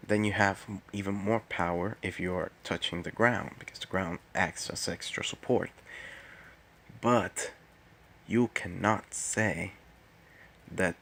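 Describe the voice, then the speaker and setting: A man talking casually on his own in a quiet, subdued late-night manner, explaining technique and halting often mid-phrase. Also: low voice, creaky. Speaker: martial arts vlogger. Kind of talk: casual solo talk explaining fighting technique.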